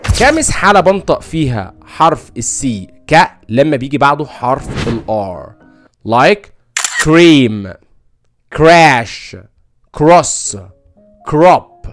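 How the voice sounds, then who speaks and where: Lively Egyptian man teaching pronunciation. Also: fairly high pitch, faint music behind. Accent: Egyptian Arabic. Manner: drills word lists, repeating words slowly and clearly. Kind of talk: recorded language lesson.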